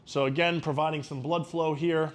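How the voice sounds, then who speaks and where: High-pitched man, careful unhurried exercise instructor. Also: fairly even intonation. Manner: careful, unhurried step-by-step explaining. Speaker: fitness and mobility instructor.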